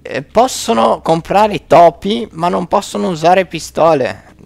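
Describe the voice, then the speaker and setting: A man's voice: sits high, a little slow, gravelly, a little mellow, no echo. A man hosting a let's play, chatting and exclaiming as he jokes about the game. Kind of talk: gameplay commentary.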